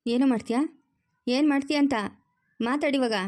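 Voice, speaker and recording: A woman's voice: sits high, steady tone, normal speed, a little mellow, dry recording, close to an everyday voice. A woman voicing a tough threatening cartoon hero. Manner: threatening, challenging. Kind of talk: cartoon voice acting.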